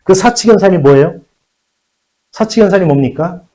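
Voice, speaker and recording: A man teaching high school math in a classroom, repeating key phrases and checking in with the students again and again. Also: expressive, moderate pace, warm tone, low-quality recording. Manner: switches between polite and casual speech. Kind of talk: classroom lecture.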